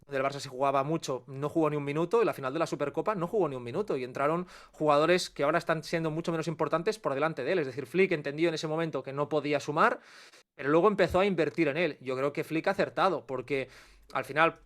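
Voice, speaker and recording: Man, Spanish accent, football pundit, rapid analytical talk, slightly high voice. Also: fairly bright tone. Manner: fast, analytical, dense run-on sentences. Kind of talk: sports talk-show debate.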